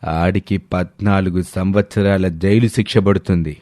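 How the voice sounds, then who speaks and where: A ruthless uncle who will do anything for money, played by a man, with a low, dark voice that threatens coldly. The storybook reading is recorded dry and close. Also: steady tone, moderate pace, no room sound, close to an everyday voice. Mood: menacing. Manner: cold, threatening. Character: ruthless greedy middle-aged male villain uncle. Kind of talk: storybook voice acting.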